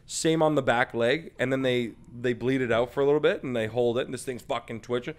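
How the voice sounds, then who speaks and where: A man chatting casually on a podcast as a comedian guest, his stories loose and profane and packed with filler words. His pitch sits in an ordinary middle range, and he leans into animated character impressions as he tells them. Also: a little fast. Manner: profane, rambling storytelling with many fillers; slips into animated impressions and laughs mid-story.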